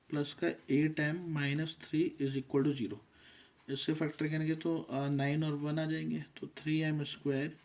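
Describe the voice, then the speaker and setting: A man's voice: fairly high pitch, darkish tone. A man teaching a math lesson, working through steps methodically and mixing English terms into his explanation.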